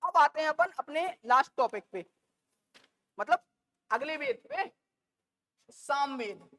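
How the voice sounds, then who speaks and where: A woman teacher lecturing a class, repeating and dictating key terms slowly and addressing the students affectionately. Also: sits high, sing-song, bright, forceful tone. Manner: calls students "beta" and "bachche".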